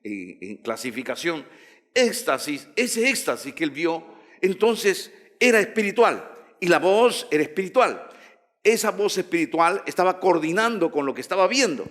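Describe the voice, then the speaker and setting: A man preaching a sermon, emphatic, rising to loud calls and dropping low. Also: big pitch swings, normal speed. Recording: long hall reverb.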